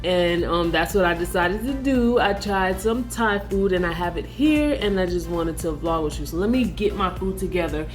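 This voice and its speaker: A woman's voice: on the low side, normal speed, hardly any pauses, soft background music. A woman vlogger chatting casually to the camera in a conversational way, often peppering her sentences with filler "like". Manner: conversational, frequently saying "like".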